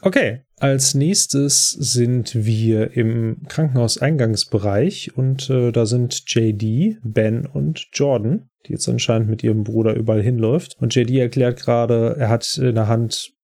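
A man's voice: mid-range voice, measured pace, few pauses, dark tone. A man hosting a podcast, chatty and rambling as he casually retells an episode. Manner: chatty, rambling, many fillers. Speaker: podcast host.

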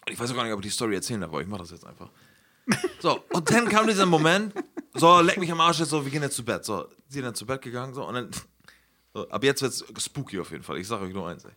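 A man's voice: medium pitch, sing-song, quick pace, a bit bright. A young man hosting a podcast, telling a story to friends in a casual, slangy way and swearing freely. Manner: slangy, swears a lot, keeps saying "Alter" and "Digga". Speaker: podcast host.

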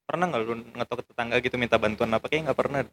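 A man's voice: mid-range voice, racing, a bit bright. Young man, dry teasing co-host, slight background hiss. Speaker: podcast co-host. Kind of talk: casual chat.

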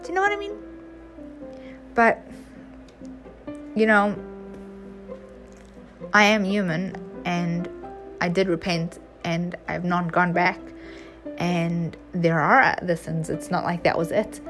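A woman giving an earnest, chatty devotional talk to her viewers, with bursts of excitement and many restarts. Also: lowish voice, slow, pauses often, soft background music. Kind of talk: casual devotional talk to camera.

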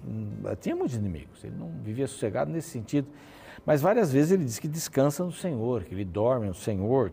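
A man talks through a psalm as a Bible teacher. His voice is warm and dark with a husky edge. He sounds casual, circles back over his phrases, and often tacks on a questioning tag. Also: mid-range voice. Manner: conversational, repeats phrases, often adds "né?". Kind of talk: devotional Bible commentary.

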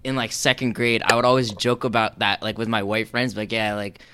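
A man's voice: on the low side, little pitch movement, a little fast, sharp tone. A man from North Jersey co-hosting a podcast, telling loose, profane stories in casual chat full of "like.". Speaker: podcast co-host.

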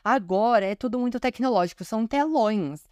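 A woman's voice: fairly high pitch, brisk, darkish tone, clean tone, dry recording, studio quality. A woman from Brazil hosting a podcast, chatting enthusiastically and often calling out to her listeners. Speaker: podcast host. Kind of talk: casual podcast commentary.

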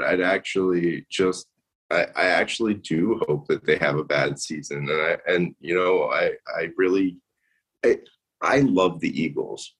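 A man's voice: sits low, a bit bright, husky. A man, a sports radio caller chatting as a guest, ranting and restarting his sentences. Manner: ranting, repeats words, restarts often. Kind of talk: casual chat.

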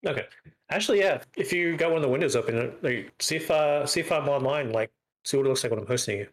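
Speaking quickly at a medium pitch, this host runs a laid-back gaming podcast chat. He rambles along, leaning on filler words and constantly restarting and correcting himself.

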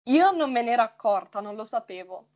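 A woman's voice: a little high, lively intonation, brisk, dull audio. A young woman with a fairly neutral northern Italian accent, chatting casually and explaining things by rephrasing them. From Friuli Venezia Giulia, north-east Italy. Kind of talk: casual chat about languages.

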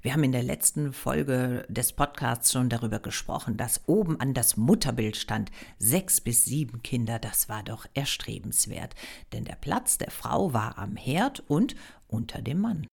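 Animated, husky woman hosting a history podcast. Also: a bass voice, moderate pace. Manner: wry, ironic emphasis. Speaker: podcast host. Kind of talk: explanatory history podcast narration.

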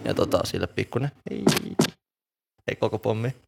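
A man's voice: on the low side, gravelly. A man chatting casually and joking in a rambling, slangy way. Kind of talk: casual chat about rap.

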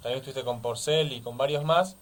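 A man's voice: medium pitch, brisk. A man, a radio panelist who asks a guest a question politely and with some hesitation. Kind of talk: interview question.

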